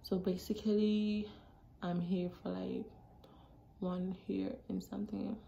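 A woman's voice: medium pitch, slow, creaky, muffled recording. Chatty teenage girl from Jamaica. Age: teens. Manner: chatty, animated, with frequent asides. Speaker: vlogger. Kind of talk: casual chat to camera. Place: small bedroom indoors. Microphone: phone camera at arm's length. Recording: echoey room, faint background noise.

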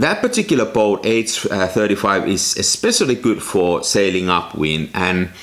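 A man's voice: on the low side, fairly bright tone. A man narrating his own photography vlog in a casual, explanatory way, walking through camera technique step by step. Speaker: photography vlogger.

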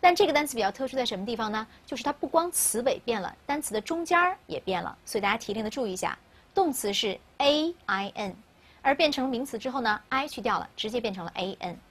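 A woman's voice: a little high, lively intonation, quick pace, a bit bright, breathy edge. A woman teaching an English grammar lesson in Mandarin, a native Mandarin speaker who asks her class questions and answers them herself. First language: Mandarin Chinese.

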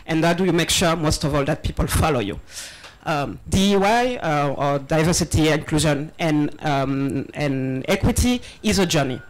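Into a handheld microphone, a Senegal-born, France-raised woman in her thirties gives a conference talk on diversity hiring before an audience in a big, partly open-air venue. Her deep voice has lively intonation at a moderate pace, though she sounds somewhat nervous, laughs between points, and uses many ums. The recording quality is low.

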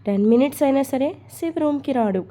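Warm-voiced woman narrating a story. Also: high-pitched, fast.

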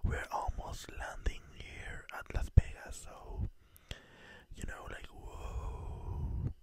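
A man whispering an ASMR travel vlog in a hotel room, talking loosely with frequent "you know" fillers and recorded without his usual microphone. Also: takes it slowly. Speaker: ASMR vlogger.

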